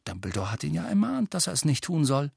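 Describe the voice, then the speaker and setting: A man's voice: fairly high pitch, huge pitch swings, fast, vocal fry, slightly rough, no room sound, studio quality, pitched above the performer's own voice, exaggerated voice. A man voicing an earnest, bookish teenage witch girl in an audiobook reading, lecturing and anxious. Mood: worried. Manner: earnest, lecturing, hushed when worried.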